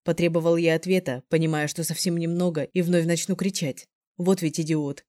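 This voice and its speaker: A woman narrating a first-person novel in a steady, lightly expressive reading. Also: on the low side, moderate pace, no room sound, clean studio sound. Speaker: audiobook narrator.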